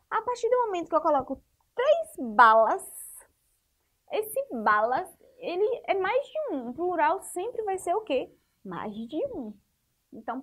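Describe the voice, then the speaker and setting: Woman teacher, high voice, slow and patient, keeps asking the kids questions and repeating the rule. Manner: patient, repeats rules, asks the class questions. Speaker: primary school teacher. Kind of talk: children's spelling lesson.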